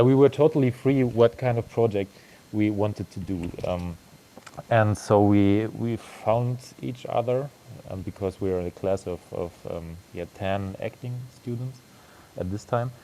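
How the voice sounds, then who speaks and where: A man's voice: on the low side, measured pace, warm tone, a little hiss or hum, rough recording. A young man in his twenties, an actor, answering casually on a video call, rambling with many fillers. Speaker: performer. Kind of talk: casual conversation.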